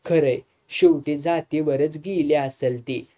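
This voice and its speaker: A rustic male driver who gossips in coarse village speech, as a storyteller voices him. His tone is dark and mellow in an audiobook reading. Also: mid-range voice, steady tone, takes it slowly, natural voice. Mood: gossipy.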